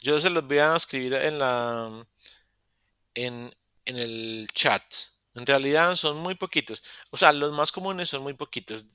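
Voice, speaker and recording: A male teacher speaks into a video call with a bright, forward tone and a close, completely dry sound. He explains patiently, breaks off and corrects himself mid-sentence, then carries on. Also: medium pitch, unhurried, clean tone, no room sound. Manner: explains step by step with many restarts and self-corrections. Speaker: English teacher. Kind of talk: live online class explanation.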